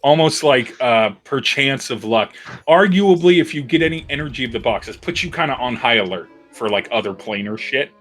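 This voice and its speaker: A man's voice: medium pitch, animated, fairly quick, fairly bright tone, faint music behind. A man narrating a tabletop game as game master, describing scenes in a loose, rambling way.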